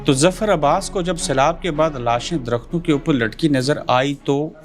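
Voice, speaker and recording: A man's voice: fairly high pitch, moderate pace, soft background music. A man hosting an interview, asking pointed, probing questions.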